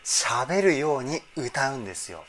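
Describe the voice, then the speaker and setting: Lively enthusiastic male vocal coach. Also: mid-range voice, measured pace, a little hiss or hum. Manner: enthusiastic, explains while trying out sung examples. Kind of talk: reaction and vocal analysis talk.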